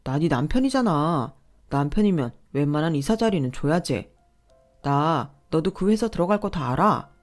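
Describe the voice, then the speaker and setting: A woman's voice: sits low, expressive, moderate pace, faint music behind. Woman voicing a whiny, entitled young husband. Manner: whiny, demanding, indignant.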